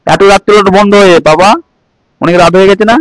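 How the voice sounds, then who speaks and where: A man's voice: sits high, fairly even intonation, fast, no room sound, low-quality recording. A man, pleading and apologizing in a casual home vlog. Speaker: vlogger, husband.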